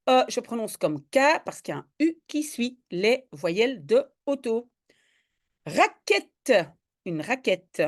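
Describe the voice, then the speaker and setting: A woman tutoring a student in French spelling, patiently explaining each word step by step. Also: fairly high pitch. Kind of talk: one-on-one spelling lesson.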